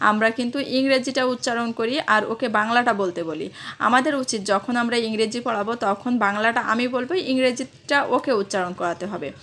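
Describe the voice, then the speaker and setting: Mom vlogger, a bit high voice, explains it over and over, lots of ums. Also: female voice, fairly bright tone. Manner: repetitive, explanatory, with fillers and self-corrections. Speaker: parenting vlogger teaching English to children. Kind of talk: casual instructional talk to parents.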